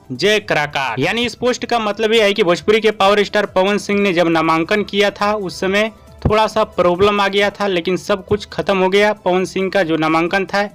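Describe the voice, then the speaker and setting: A man's voice: sits high, a bit bright, smooth. A man hosting an online entertainment news update, speaking emphatically and repeating key phrases. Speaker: YouTube news channel host. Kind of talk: excited entertainment news update to camera audience.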